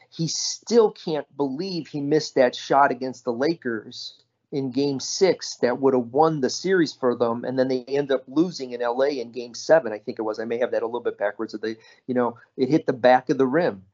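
A man's voice: medium pitch, moderate pace, highs cut off. Laid-back man telling stories on a podcast. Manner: relaxed storyteller, frequent "you know" and "right?". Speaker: podcast co-host. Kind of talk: casual podcast chat.

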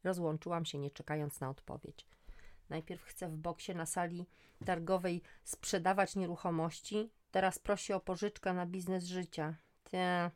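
A middle-aged woman reading a first-person story aloud, lifting her voice for the dialogue. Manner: voices dialogue with lively rises in pitch. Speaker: audiobook narrator. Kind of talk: first-person audiobook narration.

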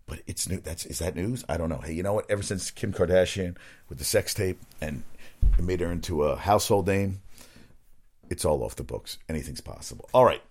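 A man's voice: low voice, a little fast, a little mellow, husky. A man hosting his own sports podcast, rambling casually from topic to topic and swearing freely. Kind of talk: casual solo sports talk.

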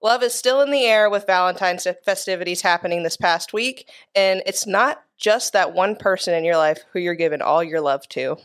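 A woman co-hosting a podcast, talking in a relaxed, easygoing way. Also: on the low side, normal speed, hardly any pauses. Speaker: podcast co-host. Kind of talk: casual chat.

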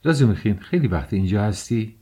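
A man's voice: on the low side, animated, dark tone, slightly rough. A man voicing a sick, sullen young man. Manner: curt, irritable.

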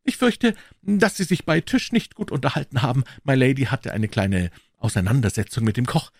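A man's voice: mid-range voice, animated, moderate pace, creaky, no echo, pitched above the performer's own voice. A man voicing a nervous, deferential lord with a raised, anxious, overly polite voice in a dry audiobook recording. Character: nervous, deferential middle-aged English lord.

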